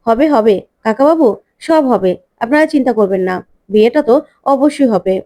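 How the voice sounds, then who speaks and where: A woman's voice: on the high side, lively intonation, fairly quick, mellow, close to an everyday voice. A cagey young groom, as a woman reads him. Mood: calm. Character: young man, the groom, evasive and calm.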